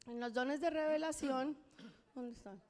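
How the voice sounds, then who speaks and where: A high-voiced woman pastor shares an earnest testimony from the pulpit. She tells her story by acting out each exchange, and her voice rings through a large church with a long reverb tail. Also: a little slow, a little mellow. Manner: earnest storytelling, acts out quoted dialogue. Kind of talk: sermon testimony. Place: church sanctuary.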